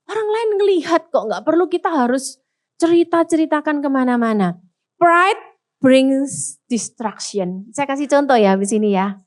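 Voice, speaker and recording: A woman pastor with an Indonesian accent preaching a sermon, speaking directly to the congregation, slipping in English phrases and acting out the voices of proud people. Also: sits high. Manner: animated, acts out proud speakers in a raised voice; addresses congregation as Bapak Ibu.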